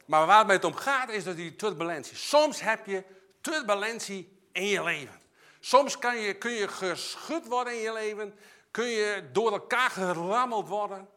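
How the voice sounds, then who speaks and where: A man's voice: high-pitched, lively intonation, moderate pace. A man preaching a sermon, emphatic and passionate, often repeating and restarting his phrases. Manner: emphatic, rising to loud passionate peaks.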